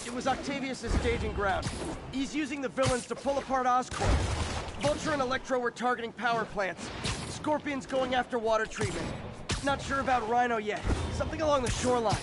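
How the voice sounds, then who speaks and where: An actor playing a quippy, earnest young male superhero who mutters to himself while fighting, over loud game music. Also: very high-pitched, brisk. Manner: wry, talks to himself while working.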